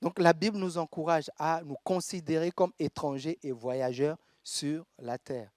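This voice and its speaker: A man from Togo, preaching a sermon in a church and reading scripture aloud with measured pauses. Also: fairly high pitch, fairly even intonation, a little mellow, no echo, clean studio sound. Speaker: pastor.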